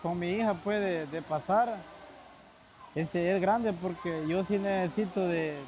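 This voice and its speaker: A young Honduran man in his twenties with a fairly high voice answers questions haltingly, often repeating himself. A faint hum of background noise sits under his voice. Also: a little mellow, low-quality recording. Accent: Honduran Spanish. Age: 20s. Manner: hesitant, repeats words, many fillers. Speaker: interview guest, migrant father.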